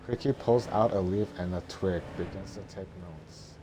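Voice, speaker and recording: A man reading scripted stage directions as narration in a monotone, stumbling way. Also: low voice, moderate pace. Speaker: script reader. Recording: noticeable background noise.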